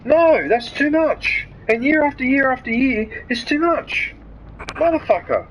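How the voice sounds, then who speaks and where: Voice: sits high, expressive, a little slow, lo-fi sound, a little hiss or hum. A streamer from Sydney chatting and ranting with swearing during a live game stream, heard as livestream headset audio. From Sydney, Australia. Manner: rambling, ranting, swears freely then apologizes. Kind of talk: live gaming stream chat. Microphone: headset mic.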